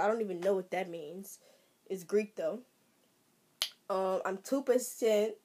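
Young female vlogger, mid-range pitch, animated and exclamatory, chatty thinking-aloud delivery. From Trinidad. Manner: excitable, exclaiming, thinking aloud while reading. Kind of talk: casual vlog, reacting to results.

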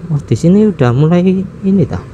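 Riding his motorcycle through city traffic, a motovlog host narrates casually in a high-pitched, animated, warm voice, though the recording is muffled. Unhurried, he muses aloud, chuckles, and wonders where to go, with street traffic and engine noise behind him.

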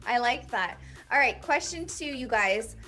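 A woman's voice: a little high, expressive, unhurried, pushed and bright, soft background music. A young woman hosting a video-call interview with a band from a small room, gushing and upbeat. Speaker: host. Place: small indoor room, dark backdrop.

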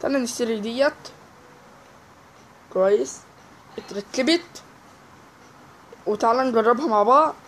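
A man with an Egyptian Arabic accent giving excitable live gameplay commentary, repeating words in quick bursts. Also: very high-pitched, rough recording. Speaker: gaming YouTuber.

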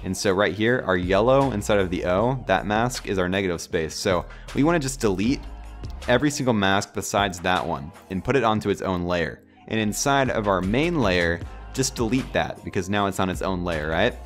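Narrating a laid-back screen-recorded software tutorial, the host, a man with a low voice, sounds nasal and hoarse from a sore throat while sick. He moves at a moderate pace, rambling loosely with many fillers as faint music runs underneath.

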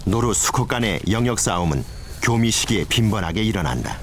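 A man's voice: lowish voice, lively intonation, brisk, slight background noise. A man reading scripted narration for a nature documentary as its narrator.

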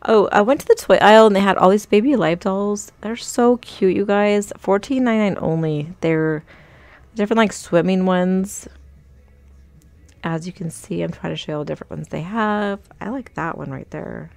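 Walking through a large retail store with a handheld phone, a woman does casual shop-with-me narration, upbeat and reading prices aloud. Her mid-range voice is gravelly and a little mellow, at a moderate pace. The recording is dry.

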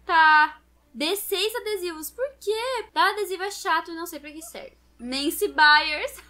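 Bright high-voiced young woman gamer. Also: unhurried. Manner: chatty, talks straight to viewers. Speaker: gaming channel host. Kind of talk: casual gameplay commentary.

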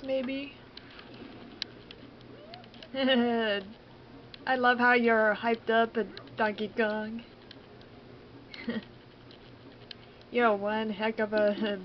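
Slow-talking excitable woman gamer. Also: on the high side, muffled recording, slight background noise. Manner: excitable, exclaiming and laughing at the game. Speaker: let's play gamer. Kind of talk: casual game commentary.

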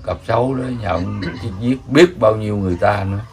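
An older man with a Southern Vietnamese accent, telling old village stories in a rambling, animated way, chuckling now and then. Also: fairly low pitch, moderate pace. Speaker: elder storyteller. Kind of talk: casual storytelling.

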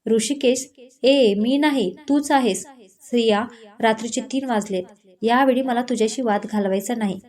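A woman voicing a quick-tongued young wife in a read-aloud romance, sharp and argumentative. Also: on the high side, close to an everyday voice. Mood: irritated.

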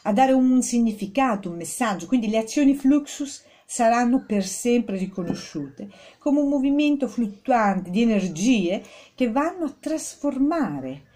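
A woman giving a spoken art history lesson, informal, with many fillers and restarts, stressing key words with rising pitch. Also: lively intonation, measured pace, warm tone. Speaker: art teacher.

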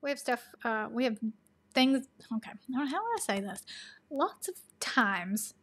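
This woman's high, sing-song voice carries a Tennessee Southern accent as she hosts a casual livestream at a moderate pace. Chatty and quick to laugh, she responds to viewer questions and drifts into soft asides.

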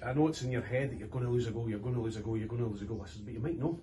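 A Scottish man in his forties, a football manager giving an animated post-match interview in a club room. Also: medium pitch, very fast. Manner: animated, gestures with his hands while talking. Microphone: camera from a few metres. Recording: distant camera mic, faint room hiss.

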